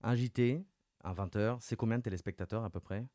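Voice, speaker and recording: A man hosting a radio interview and running a quiz game, talking in a lively, playful way and stressing his clues. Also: lowish voice, a little fast, no room sound, clean studio sound. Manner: lively, playful, announces clues with rising emphasis. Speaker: radio host. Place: radio studio.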